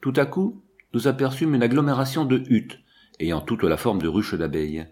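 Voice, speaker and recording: A man reading an adventure novel aloud as an audiobook narrator, in an expressive, dramatic way. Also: medium pitch, moderate pace.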